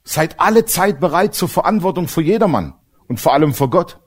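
A man delivering a church sermon in a lively, swinging voice with a slightly husky edge. He speaks straight to the congregation, tossing out questions and humorous asides. His pitch sits a little high for a man. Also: fairly quick. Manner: animated, addresses the congregation directly with questions and humor. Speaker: preacher.

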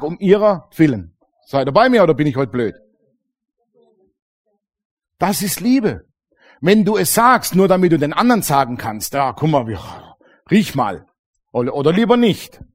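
A man preaching a sermon to a congregation, lively and colloquial, acting out little dialogues and often calling out "Amen". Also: high-pitched. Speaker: pastor. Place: church congregation.

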